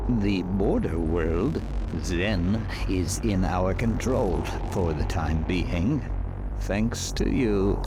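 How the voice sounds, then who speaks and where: A man playing an enigmatic, sinister government agent in an audio drama, with deliberate, oddly stressed, drawn-out formal phrasing. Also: sits low, background noise. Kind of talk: audio drama character acting.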